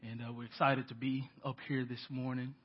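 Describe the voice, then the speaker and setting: A man's voice: medium pitch, level tone, normal speed. An American man with a nasal voice from stuffed-up sinuses, speaking informally as a pastor addressing and praying with his church. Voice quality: nasal, congested. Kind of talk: church welcome and prayer. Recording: dull lo-fi audio, clear background music.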